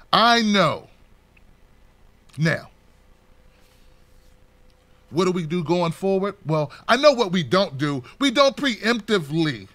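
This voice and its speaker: A man giving an unscripted political commentary, talking straight to the camera, impassioned and preachy, building to near-shouts. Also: sits high, no echo.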